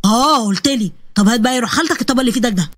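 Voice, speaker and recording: A woman with an Egyptian accent voicing a gruff, selfish middle-aged father who scolds bluntly. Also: on the high side, very fast, dry recording, pitched below the performer's own voice, natural voice. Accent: Egyptian Arabic.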